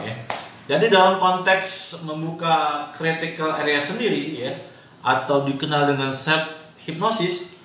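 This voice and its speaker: A man's voice: on the high side, a bit bright. Man teaching in a very echoey room. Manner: explains with frequent "ya" tags and homely examples. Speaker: hypnosis teacher. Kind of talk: casual spoken lesson. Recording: very echoey room, faint noise.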